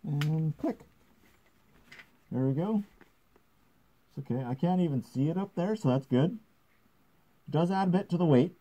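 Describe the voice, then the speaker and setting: A man's voice: a little high, lively intonation, a little slow, long pauses, warm tone. A man in a casual product vlog, thinking aloud, his voice muffled through a snorkel face mask. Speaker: product reviewer.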